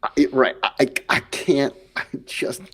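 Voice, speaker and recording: A man's voice: mid-range voice, normal speed, breathy edge. A man with a Wisconsin accent co-hosting a podcast, ranting passionately and stumbling over his words when worked up. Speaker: podcast co-host. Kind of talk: heated roundtable discussion.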